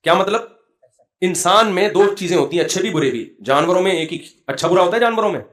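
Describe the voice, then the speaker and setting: Guy preaching, kinda high voice, tells funny stories, recites arabic verses. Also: lively intonation, fairly bright tone. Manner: storytelling, humorous, quotes Quranic verses in Arabic. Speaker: Islamic scholar giving a religious talk. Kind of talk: conversational sermon with jokes and anecdotes.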